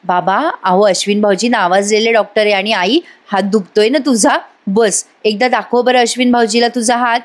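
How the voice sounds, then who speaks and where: A woman voicing a caring young daughter-in-law with a gentle, coaxing manner. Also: medium pitch, fairly even intonation, normal speed, hardly any pauses, close to an everyday voice.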